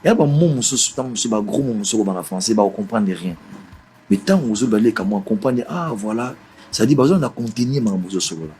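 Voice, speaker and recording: Man, low-pitched, insistent interviewee, faint music behind. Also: lively intonation, brisk, dark tone, rough recording. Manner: insistent, mixing French and Lingala. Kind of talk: press interview.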